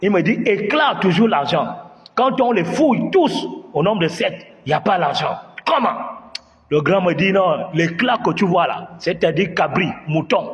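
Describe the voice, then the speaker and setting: Male comic storyteller, higher-pitched voice, long hall reverb, acts out every scene. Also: moderate pace, dull audio. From Gabon, Bitam area. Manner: animated, acts out scenes with voices and sound effects; asks the audience questions. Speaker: comedian storyteller.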